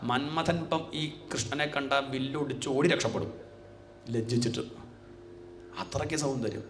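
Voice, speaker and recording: A man's voice: mid-range voice, a bit bright, a little hiss or hum. A middle-aged man giving a devotional scripture discourse, talking conversationally and putting rhetorical questions to his listeners. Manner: chants verses in a slow sing-song. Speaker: spiritual teacher.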